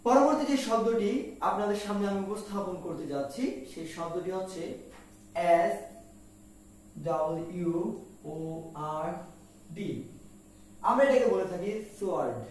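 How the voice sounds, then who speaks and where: A man's voice: high voice, expressive, a little slow, long pauses, darkish tone. A man teaching English pronunciation, who spells each word letter by letter and repeats it with drill questions. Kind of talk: pronunciation lesson. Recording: echoey room from far off.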